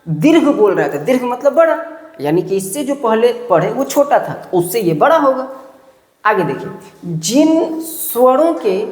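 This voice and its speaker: Woman, grammar teacher, fairly high voice, rhetorical questions, echoey reverberant room. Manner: explains step by step, quizzing students with rhetorical questions. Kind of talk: classroom-style online lesson.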